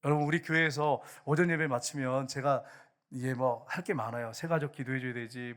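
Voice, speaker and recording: A man's voice: on the high side, a bit bright. Emphatic Korean-speaking male pastor preaching. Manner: emphatic preaching, addresses the congregation often. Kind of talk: sermon.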